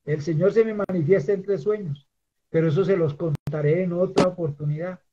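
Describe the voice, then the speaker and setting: A man's voice: high voice, fairly even intonation, brisk, dull audio, noisy background. A Colombian man giving an earnest personal faith testimony, preaching and acting out the voices he quotes. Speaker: testimony giver.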